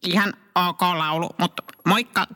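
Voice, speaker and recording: Man doing blunt quacking frog, cheeky, bright tone. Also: sits high, steady tone. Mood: deadpan. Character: grumpy cheeky talking frog.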